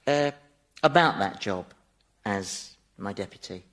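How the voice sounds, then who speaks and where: A man's voice: on the low side, lively intonation, takes it slowly, a bit bright. A man playing Satan as a blasé, chatty, sardonic ruler of Hell in a radio sitcom, offhand and hesitant. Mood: dry, distracted. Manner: offhand, conversational, hesitant, wry.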